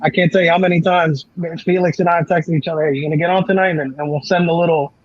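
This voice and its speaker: A laid-back man chats on a podcast, his voice a touch high for a man. He repeats himself and laughs easily. The recording is dry and slightly dull. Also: fairly even intonation, rapid-fire, no room sound. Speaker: podcast co-host. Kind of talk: casual podcast chat.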